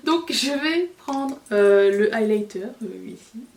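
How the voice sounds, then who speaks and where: Her slightly high, darkish voice is expressive and slow, picked up by a distant mic in an echoey room with some hiss or hum. She's a beauty vlogger chatting casually while applying makeup, joking at her own expense throughout the tutorial.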